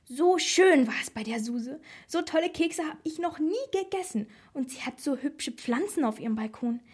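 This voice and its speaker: A woman's voice: high-pitched, very animated, a little slow, voice pushed up. A woman doing a giddy, singing grandmother.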